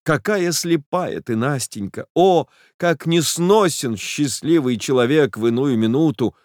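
A man's voice: a little high, expressive, unhurried, a little mellow, dry recording, clean studio sound. A man narrating a literary audiobook in the first person, in a reflective, emotional way.

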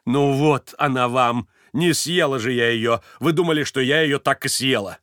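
A man's voice: medium pitch, moderate pace, fairly bright tone, no echo, clean studio sound, lightly acted. A man voicing an imperious, hot-tempered middle-aged noblewoman in an audiobook reading, commanding and scolding. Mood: exasperated. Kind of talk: audiobook character voice.

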